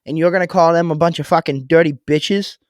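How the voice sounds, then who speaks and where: A young man co-hosting a podcast in casual banter, loud and joking, swearing often and laughing a lot. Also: fairly high pitch, steady tone, brisk, no room sound. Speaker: podcast co-host.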